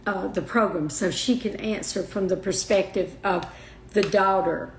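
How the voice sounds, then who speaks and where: Older woman, halting speech, middle-pitched voice, roomy echo, faint hiss behind. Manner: soft, halting, with many restarts and fillers. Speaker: guest, mother of the host. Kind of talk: emotional personal interview.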